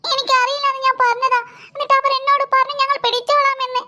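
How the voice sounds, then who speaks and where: Tiny scared cartoon girl, whiny and pleading, super high squeaky voice. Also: flat delivery, fast talker, sharp tone, exaggerated voice. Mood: tearful. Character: small timid girl, the baby of the family.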